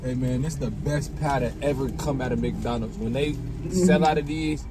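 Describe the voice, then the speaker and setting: A man's voice: mid-range voice, moderate pace, very noisy. A young man talking while chewing, in casual slangy banter with friends over a late-night meal. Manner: loud, slangy, boastful banter. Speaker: vlogger eating with friends. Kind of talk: casual chat.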